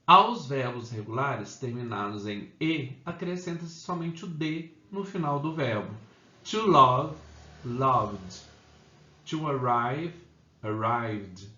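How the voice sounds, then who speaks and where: Man, unhurried classroom teacher, frequent check-ins, dull echoey room sound. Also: mid-range voice, expressive, pushed and bright. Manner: slow, repeats "tá?" and "ok?" to check understanding. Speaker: English teacher. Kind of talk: Portuguese-language grammar lesson.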